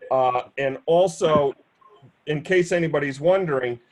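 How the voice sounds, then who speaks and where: A man chairing a town board of finance meeting over a video call, speaking in a measured, steady way with frequent fillers. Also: fairly high pitch, rough recording. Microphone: computer mic on a video call.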